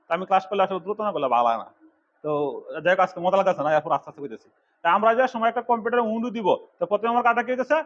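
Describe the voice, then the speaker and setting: A middle-aged man from Bangladesh lectures his computer class at a rapid clip, his voice sitting fairly high. He scolds and urges the students in turn. The recording is dull and lo-fi. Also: fairly bright tone. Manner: fast, scolding and exhorting. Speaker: computer course instructor.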